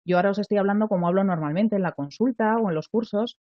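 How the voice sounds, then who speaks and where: A woman's voice: medium pitch, quick pace, no room sound. Lady voice coach teaching online, keeps asking "ok?", dry dull mic. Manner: explanatory, checks in with listeners often. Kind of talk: live online voice lesson.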